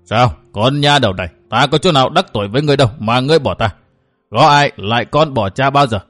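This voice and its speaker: A man voicing a stubborn, boastful old martial-arts master who talks loud and blunt. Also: medium pitch, fast, soft background music, lightly acted. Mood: coaxing. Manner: loud, gruff and brusque.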